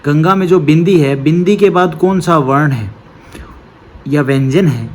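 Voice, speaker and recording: A man's voice: a little high, unhurried. A male teacher giving an exam-prep grammar lesson, patiently explaining step by step, posing questions and answering them himself, with a checking "okay" after each point.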